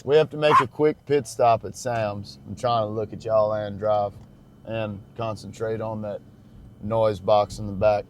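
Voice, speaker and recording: A man's voice: lowish voice, steady tone, measured pace, slight background noise. A young man, talking casually to viewers while driving a truck on a road-trip vlog. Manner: chatty, addresses viewers as y'all. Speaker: travel vlogger driving. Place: inside a moving truck.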